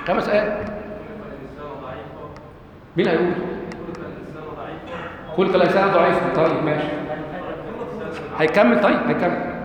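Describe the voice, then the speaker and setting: Egyptian man lecturing, brisk and high-pitched, quizzing his class, recorded in a reverberant hall. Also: a crowd in the background. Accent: Egyptian Arabic. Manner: lively, quizzes the audience, quotes verses aloud. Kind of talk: religious lecture to a live class. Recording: echoey hall, faint background noise.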